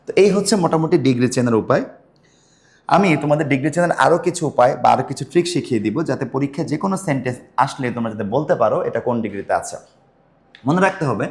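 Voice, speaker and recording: A man with a Bangladeshi accent explaining grammar to students in a patient lesson, repeating key words slowly. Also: medium pitch, darkish tone. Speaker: English grammar teacher.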